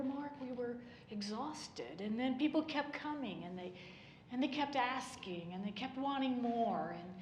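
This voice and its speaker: A woman's voice: a little high, slight background noise, pitched above the performer's own voice. A woman playing a weary old fisherman remembering. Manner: rambling, wistful storytelling with sighs of exhaustion. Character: old male fisherman disciple, weary and reminiscing. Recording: echoey church room.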